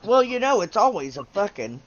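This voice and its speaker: A woman's voice: medium pitch, big pitch swings, normal speed, dull audio, slight background noise. A woman hosting a casual game livestream, chatty, laughing often and tripping over names. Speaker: livestream host.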